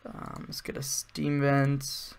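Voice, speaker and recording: A man's voice: mid-range voice, completely flat delivery, slow, vocal fry, clear, resonant tone. A man giving casual live-stream commentary while playing an online card game, thinking aloud, with sarcastic asides.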